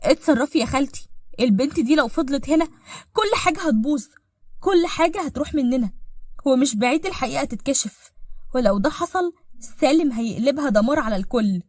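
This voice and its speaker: A woman's voice: high-pitched, lively intonation, quick pace, darkish tone, no echo, clean studio sound, voice pushed up. A woman with an Egyptian accent voicing a scheming, anxious young wife who speaks urgently. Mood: frantic.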